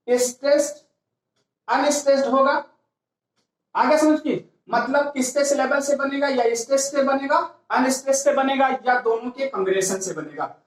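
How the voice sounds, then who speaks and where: A woman teaching English grammar in a classroom lecture, explaining step by step and asking herself rhetorical questions. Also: high voice. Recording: very echoey classroom.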